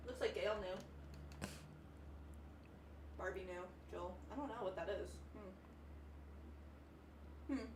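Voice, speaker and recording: A woman's voice: medium pitch, slow, long pauses. A woman co-hosting a live stream from a pottery studio, upbeat, planning the day's work aloud. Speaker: livestream co-host and potter. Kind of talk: casual chat. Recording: distant, echoey studio with background noise.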